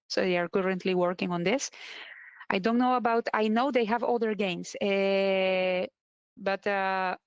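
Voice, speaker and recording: A woman with a Spanish accent, Spanish native, co-hosting a live stream in relaxed chat and often pausing to find words. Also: medium pitch, clean tone, no room sound, muffled recording. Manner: relaxed, searching for words, frequent "eh" fillers. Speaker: co-host.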